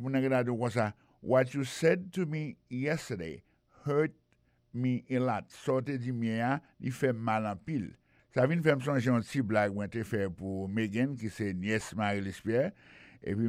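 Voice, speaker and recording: A man's voice: lowish voice, a little mellow, no room sound, clean studio sound. A man with a Haitian Creole accent teaching English phrases on a radio lesson, explaining each one and spelling words out. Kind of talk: bilingual radio language lesson.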